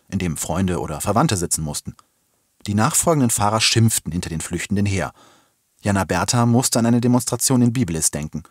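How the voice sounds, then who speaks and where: A low, husky male voice reads a novel aloud, recorded close and dry. His delivery is dramatic and expressive, with wide swings in pitch. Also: dry recording. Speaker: podcast host reading a novel excerpt. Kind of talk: expressive reading of a children's novel.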